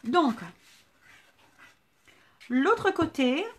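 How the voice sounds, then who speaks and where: High-voiced woman with a southern French lilt. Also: expressive, extremely slow. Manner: chatty, thinks aloud, greets viewers by name. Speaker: scrapbooking tutorial host. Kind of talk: live craft tutorial.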